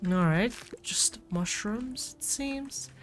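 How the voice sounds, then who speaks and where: A somewhat high, animated female voice speaks slowly, sick with a cold as she casually rambles to her viewers while playing a farming game. She's a gameplay streamer, and faint game music plays in the background.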